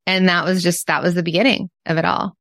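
A woman's voice: fairly low pitch, fairly even intonation, quick pace, a bit bright, dry recording, studio quality. A woman with a Californian Valley Girl accent, chatting candidly and informally as a podcast guest. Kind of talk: casual interview chat.

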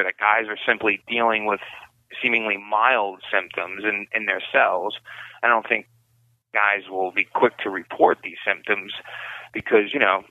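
Man, prison payphone call, low voice, tinny dry phone line, rambling, lots of "you know". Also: dry recording. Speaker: incarcerated writer calling in. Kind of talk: casual spoken update by phone.

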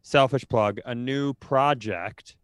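This podcast co-host has a medium-pitched, clean voice and talks slowly in a dry recording. In relaxed, comedic chat he rambles through stories, breaking off mid-thought and making dry jokes at his own expense.

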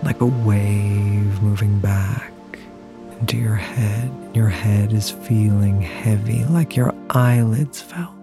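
A meditation host guiding a relaxation hypnosis in a soothing, deliberate way with long pauses. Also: mid-range voice. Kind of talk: slow guided relaxation hypnosis narration. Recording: music playing behind the voice. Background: music.

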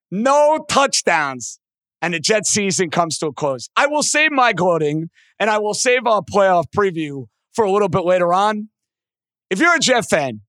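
A man with a hoarse, raspy, strained voice that is nearly gone, hosting a sports podcast with blunt, emphatic opinions and rhetorical questions. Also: high-pitched, bright, forceful tone, no echo, clean studio sound.

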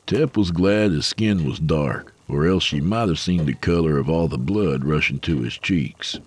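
A man narrating an audiobook with expressive storytelling, giving each character a voice. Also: a bass voice, unhurried, breathy edge.

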